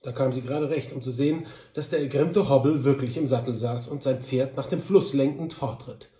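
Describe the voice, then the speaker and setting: A man reading a novel aloud in a calm, measured amateur audiobook narration. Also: medium pitch, reverberant. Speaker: reader.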